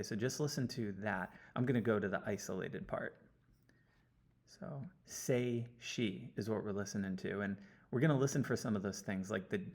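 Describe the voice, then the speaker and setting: Low-voiced man explaining audio waveforms. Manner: explanatory, checks in with frequent "okay?". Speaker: audio analyst. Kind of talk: screen-recorded audio analysis walkthrough. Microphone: computer mic, sitting close.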